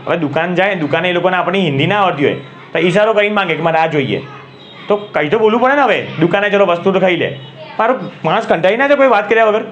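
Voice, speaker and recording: Gujarati-accented male teacher, slightly high voice, quizzes his class, faint room hum behind. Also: expressive, quick pace, muffled recording. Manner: asks the class questions and repeats key words. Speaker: English grammar teacher.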